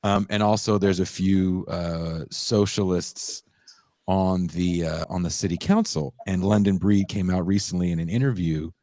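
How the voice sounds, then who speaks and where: A man hosting a political podcast, speaking slowly and deliberately with frequent pauses. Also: low voice, dark tone, dry recording. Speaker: podcast host. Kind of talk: measured political commentary.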